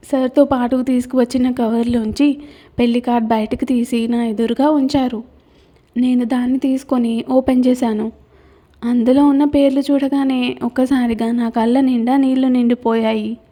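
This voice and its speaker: A woman reads her own romance novel aloud in the first person, putting emotion into the narration. Her voice is high-pitched, with a notably dark, mellow tone. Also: steady tone, normal speed. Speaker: writer and narrator. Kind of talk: scripted audio novel narration.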